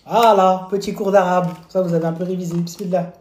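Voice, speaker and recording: A man's voice: high voice, fairly even intonation, brisk, darkish tone, echoey room. A man chatting casually on a live stream while eating, teasing his viewers with playful mini lessons and quizzes. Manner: chatty, teasing, mock-lessons, talks with mouth full. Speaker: fitness coach streaming live.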